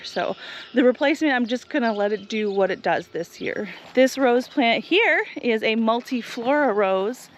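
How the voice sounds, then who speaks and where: Woman walking through her garden talking it up, kinda high voice, upbeat and chatty, outdoor camera sound. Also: a little hiss or hum. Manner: chatty, upbeat, explains as she walks. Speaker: homestead vlogger giving a garden tour. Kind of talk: casual walking tour narration.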